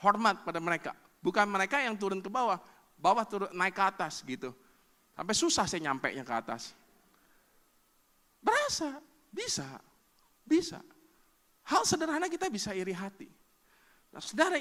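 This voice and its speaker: A middle-aged man from Indonesia preaching a sermon as a pastor, animated and acting out everyday quarrels in changing voices. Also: sits high.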